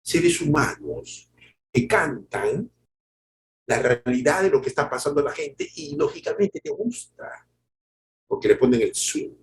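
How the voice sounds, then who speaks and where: A man, preaching a sermon in an animated way, repeating words and acting out quotes. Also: mid-range voice, measured pace, a little hiss or hum, poor audio. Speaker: pastor.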